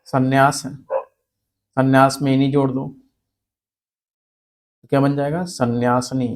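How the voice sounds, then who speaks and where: A man teaching a spelling lesson, asking questions and answering them himself, repeating key words slowly. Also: mid-range voice, level tone. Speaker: Hindi grammar teacher.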